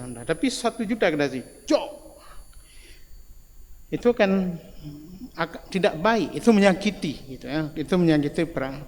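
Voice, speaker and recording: Man preaching in a reverberant mosque. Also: on the high side. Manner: conversational, often adding tag words between phrases. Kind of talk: mosque sermon. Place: mosque hall. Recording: long hall reverb, faint noise.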